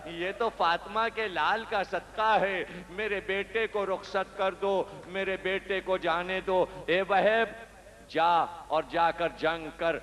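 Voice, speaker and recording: A man's voice: sits high, steady tone, fairly bright tone. A man preaching voices a fierce, devoted older mother who urges her son on with impassioned, pleading cries. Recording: echoey hall reverb.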